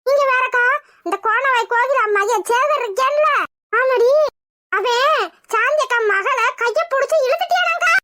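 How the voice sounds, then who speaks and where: A nosy, chattering village neighbor, played by a woman in a cartoon. She gossips. Her voice is very high and bright. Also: normal speed, a little hiss or hum. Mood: gossipy. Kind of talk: cartoon voice acting.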